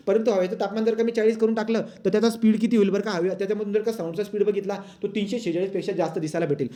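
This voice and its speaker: A man's voice: high voice, warm tone. A male physics teacher giving a classroom lecture, mixing English textbook phrases into his explanations and often asking pupils if they follow. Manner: asks pupils frequent check questions; mixes English textbook lines into Marathi.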